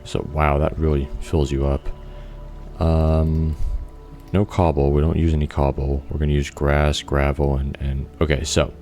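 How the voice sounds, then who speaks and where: Male gameplay commentator, extremely deep voice, loose casual rambling, occasional swearing. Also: level tone, measured pace, mellow, faint music behind. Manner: rambling, thinks aloud, frequent restarts and fillers. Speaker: gameplay video creator.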